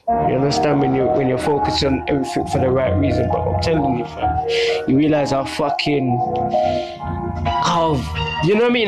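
A man's voice: mid-range voice, vocal fry, poor audio. A middle-aged man with a south London accent, hosting a casual solo podcast in heavy street slang, with swearing and frequent tag questions. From Brixton, south London. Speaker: podcast host. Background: music.

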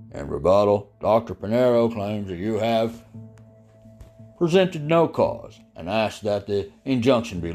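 An actor playing a stern older male judge who speaks slowly, dryly and with measured words. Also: fairly low pitch, warm tone. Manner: slow, dry and measured.

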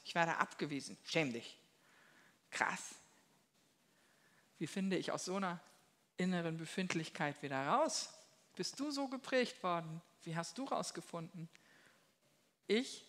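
A woman delivers a relaxed sermon from her seat at a table in a church hall. She speaks in a lively, folksy, down-to-earth way and slips into small acted voices whenever she quotes someone. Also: fairly low pitch, measured pace, long pauses. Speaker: lay preacher. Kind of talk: conversational sermon.

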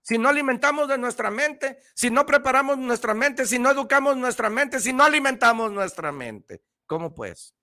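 Emphatic high-voiced Mexican motivational host. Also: male voice, lively intonation, moderate pace, hardly any pauses, sharp tone. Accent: Mexican Spanish. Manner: emphatic, repetitive, slangy. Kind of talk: motivational pep talk.

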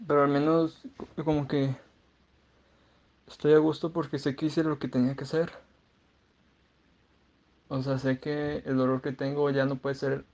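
A man's voice: fairly high pitch, a little mellow, lo-fi sound. A queasy young man with a Mexican accent, rambling crudely in a casual video diary. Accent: Mexican Spanish.

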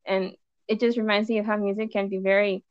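A woman's voice: mid-range voice, little pitch movement, fast, dry recording, muffled recording. A woman of twenty-one from Los Angeles, a musician chatting loosely as a podcast guest with many fillers. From Los Angeles, USA. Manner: rambling, many "like"s and trailing restarts. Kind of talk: casual podcast chat.

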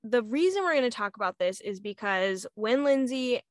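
A woman co-hosting a podcast in casual chat, with a loud and emphatic way of talking. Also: a little high, animated, moderate pace, dry recording, clean studio sound. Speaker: podcast co-host.

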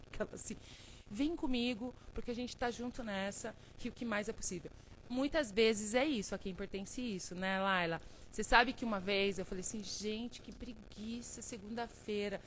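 A woman hosting a live stream as a self-help speaker, talking casually and warmly to viewers by name, coaxing and motivational, with frequent chuckles. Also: medium pitch, slight background noise, poor audio. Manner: affectionate, calls viewers by name and "love"; playful, chuckles often.

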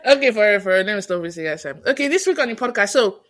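A woman's voice: mid-range voice, lively intonation, rapid-fire, a bit bright. A woman co-hosting a podcast in casual chat, playful and teasing, with mock exasperation. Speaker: podcast co-host.

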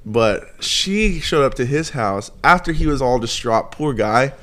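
A man's voice: medium pitch, lively intonation, measured pace, a bit bright. A young man co-hosting a podcast, telling stories in a laid-back, rambling way and saying "like" a lot. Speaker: podcast co-host. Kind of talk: casual chat.

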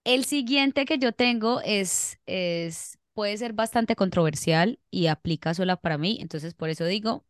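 A woman's voice: medium pitch, a little slow, few pauses, dry recording, studio quality. A young woman with a Colombian accent, chatting casually as a podcast co-host, rambling and laughing as she tells stories. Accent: Colombian Spanish. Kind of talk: casual chat.

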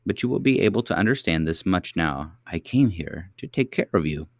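A man voicing a kindly, very old queen who is the girl's great-great-grandmother, speaking gently and patiently. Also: low-pitched, lively intonation, brisk, gravelly, no echo, clean studio sound. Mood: gentle.

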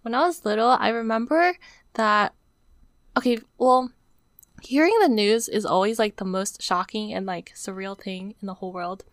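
A young woman co-hosting a podcast chats casually, her emotions running high as she verges on tears and says "like" over and over. Her voice is mid-range at a moderate pace, recorded dry.

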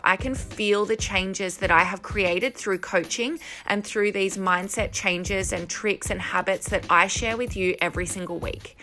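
A woman's voice: mid-range voice, bright, forceful tone. Woman podcasting through a headphone mic. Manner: earnest, conversational, encouraging. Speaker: podcast host and coach. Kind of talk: solo podcast talk to listeners. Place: room at home. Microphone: headphones used as microphone.

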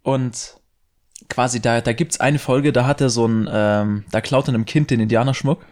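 A man's voice: medium pitch, fairly even intonation, normal speed, a little mellow. A young man co-hosting a podcast, chatting casually in a hesitant, rambling way full of fillers, restarts and youth slang. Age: young adult. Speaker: podcast co-host. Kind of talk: casual chat.

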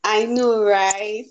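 A young woman with a Nigerian accent, a designer chatting as a guest, playful and quick to laugh. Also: medium pitch, a little mellow, lo-fi sound. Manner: playful, laughs easily, dry humor. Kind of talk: casual chat.

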